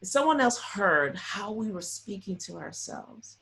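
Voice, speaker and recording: Woman, interview guest, lively storyteller, keeps asking "right?", mid-pitched voice. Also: unhurried, vocal fry. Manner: animated storyteller, often adds "right?". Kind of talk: casual interview conversation.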